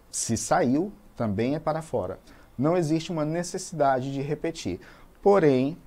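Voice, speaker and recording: In a recorded language lesson, a man with a Brazilian Portuguese accent reads example sentences aloud and explains them slowly and methodically. His voice is medium-pitched with a dark tone.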